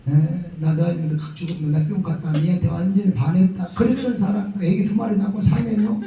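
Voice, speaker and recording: A middle-aged pastor from the region, preaching a humorous, folksy sermon sudden loud bursts. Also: male voice, high-pitched, fairly even intonation, a little fast. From Jeolla, South Korea. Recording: echoey hall, distant mic, faint noise.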